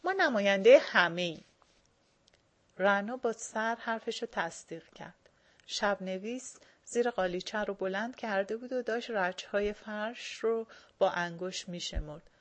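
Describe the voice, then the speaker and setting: A woman reading a first-person short story aloud in a casual spoken manner. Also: mid-range voice. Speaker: reader.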